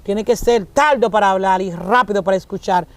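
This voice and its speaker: A woman's voice: mid-range voice, fairly quick, no echo. A woman, preaching conversationally and acting out little dialogues as she talks. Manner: animated, acts out dialogues with shifting voices.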